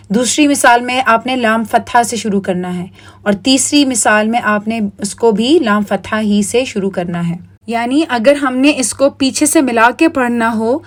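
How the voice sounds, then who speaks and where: Patient woman teacher explaining a lesson. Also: a little high. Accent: Pakistani Urdu. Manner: patient, explanatory, mixes English words into Urdu. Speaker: Quran recitation teacher. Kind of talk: recorded online lesson over slides.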